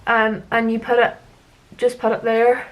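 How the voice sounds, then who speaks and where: In a casual makeup tutorial chat, a young beauty vlogger talks through her routine in a fairly high, monotone voice at an unhurried pace. She rambles, trips over her words, and laughs at herself.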